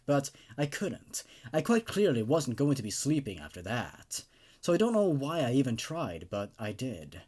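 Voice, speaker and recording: With a medium-pitched, slightly mellow voice, he hosts an online horror story show. He alternates between easygoing remarks and reading stories out loud.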